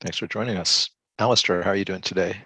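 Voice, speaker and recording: A man hosting a group video call, relaxed and halting, with many fillers. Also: deep voice, slightly rough, no room sound. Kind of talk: casual group check-in.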